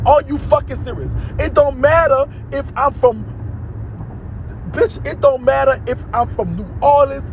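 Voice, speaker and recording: A man from Louisiana in a heated live-stream rant, angry and swearing, his voice climbing into shouts. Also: very high voice, steady tone, measured pace. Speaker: host of an online live stream. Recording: loud street and car noise.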